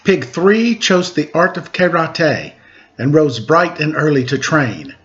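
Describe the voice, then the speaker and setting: Slow and expressive, a slightly high, somewhat bright male voice belongs to a middle-aged host who reads picture books aloud to children and chats with them in a joking, playful way. The sound quality is dull and lo-fi.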